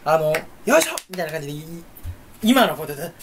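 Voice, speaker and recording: A man's voice: a little high, sing-song, fast, a little hiss or hum. A young man chatting alone to the camera while standing in a room at home. He rambles, fools around and teases himself. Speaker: YouTuber. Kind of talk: solo casual chat to camera.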